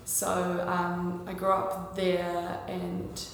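A young woman with a New Zealand accent chats easily as a podcast guest, filling her speech with ums and likes. Her voice sits a little low. The recording rings with long reverb over a faint hiss. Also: completely flat delivery, extremely slow, vocal fry. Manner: chatty, with frequent ums and likes. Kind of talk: casual conversational interview.

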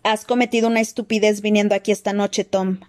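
A serene old male wizard, as a woman reader voices him, speaking with quiet, unhurried calm. The voice stays near the reader's own, in a storybook reading. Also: mid-range voice, natural voice.

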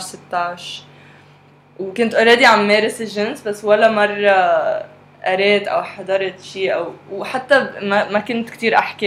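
A woman's voice: mid-range voice, a bit bright. A woman with a Lebanese Arabic accent chatting candidly in a group, mixing Arabic with English. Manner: switches between Arabic and English. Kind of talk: candid casual group discussion. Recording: clear background noise.

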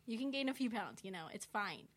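A woman's voice: mid-range voice, very animated, brisk, fairly bright tone. A young woman who is a podcast guest, chatting casually and giggling, with a lot of fillers. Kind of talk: casual chat.

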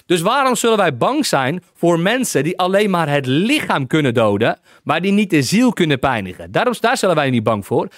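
A man's voice: a little high, big pitch swings, moderate pace, few pauses, dry recording, studio quality. A man teaching a Bible lesson as a sermon, repeating his phrases with emphasis and frequent hallelujahs. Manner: repetitive, emphatic preaching with hallelujahs. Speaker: preacher.

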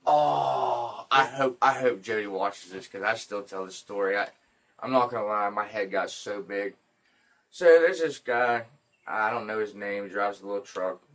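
A man hosting a podcast, telling stories in a casual, profane, animated way. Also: fairly low pitch, normal speed, far from the mic. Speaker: podcast host.

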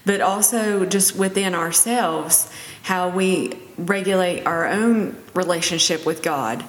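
Lowish-voiced woman in an echoey room. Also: slow pace. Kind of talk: conversational religious talk. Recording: echoey room, long reverb, faint noise.

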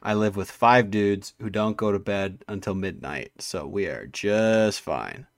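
Low-pitched young man, slangy casual chat. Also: unhurried, no room sound, clean studio sound. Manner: slangy, easygoing, says "bro" and "like" a lot. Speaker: podcast co-host.

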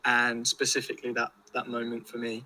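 Male, English accent, very sharp bright tone, chatty rambling storyteller for casual podcast talk. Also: medium pitch, completely flat delivery, fairly quick, rough recording. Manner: rambling, chatty, British slang. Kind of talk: casual chat, telling travel anecdotes.

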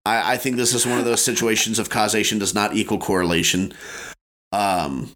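A man's voice: on the low side, fairly even intonation, fairly quick, a bit bright. A man in casual podcast chat, telling jokes in a rambling way with lots of fillers.

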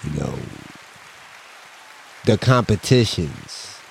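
A man's voice: low voice, very animated, drawn-out words, creaky, a little mellow, slight background noise. A man co-hosting a casual podcast, telling family stories and ranting playfully with frequent swearing. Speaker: podcast co-host. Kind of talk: casual chat.

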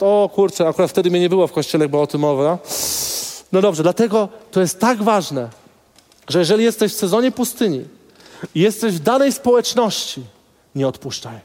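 A man's voice: high-pitched, darkish tone, in a large hall. A male pastor preaching a sermon, telling a personal story in an earnest way and speaking straight to the congregation.

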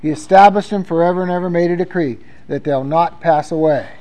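A man with a high-pitched voice preaches a sermon. He talks conversationally and reads psalms aloud with strong emphasis. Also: a little fast, mellow, low-quality recording. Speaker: pastor.

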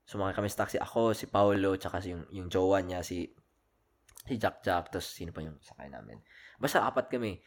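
A man's voice: low-pitched, expressive, brisk. A man with a Filipino accent, co-hosting a casual podcast chat and telling stories, switching between Tagalog and English and laughing often. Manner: storytelling with Taglish code-switching, laughing often. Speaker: podcast co-host.

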